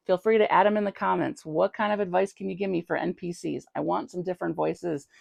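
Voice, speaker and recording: A woman's voice: lowish voice, steady tone, fairly quick, creaky, darkish tone, dry recording. A woman hosting a tabletop gaming channel, chatting casually and conversationally as she answers a viewer's question. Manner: chatty, conversational, thinking aloud. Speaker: tabletop game master and channel host.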